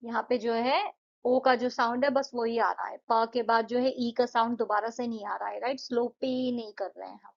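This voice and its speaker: A woman teacher with an Indian English accent talks students through an English workbook. Her voice sits slightly high, and she explains each answer patiently. She draws words out slowly to model their sounds, and the recording is dull and lo-fi. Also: fairly even intonation, gravelly. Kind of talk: Hindi-English exercise walkthrough.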